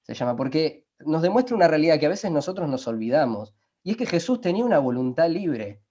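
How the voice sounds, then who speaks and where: Emphatic preacher, lo-fi. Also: male voice, fairly high pitch, very animated, warm tone. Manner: emphatic, slows down to quote scripture, asks listeners rhetorical questions. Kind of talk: sermon. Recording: dull lo-fi recording.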